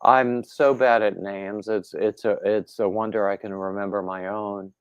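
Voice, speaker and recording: A livestream host chats easily with his viewers, reading out their comments and rambling along with a slightly congested throat. He speaks unhurriedly in a lowish, smooth voice, with no echo and lo-fi sound.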